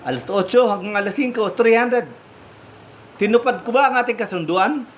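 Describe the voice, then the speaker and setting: A man voicing a stern, fair-minded male vineyard owner who questions his workers firmly and deliberately. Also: sits high, lightly acted. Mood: questioning. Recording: slightly muffled, faint background hum.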